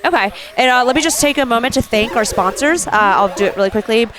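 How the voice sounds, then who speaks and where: A man's voice: very high voice, lively intonation, fast. A man casually commentating an arcade tournament stream, loose and chatty, often laughing.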